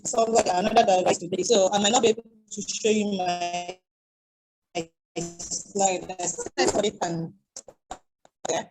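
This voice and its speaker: A woman's voice: medium pitch, steady tone, unhurried, long pauses, background noise. A woman panelist on an online call, replying briefly and apologetically while her audio glitches and breaks up. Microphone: video call. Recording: choppy online call, far from mic, music behind.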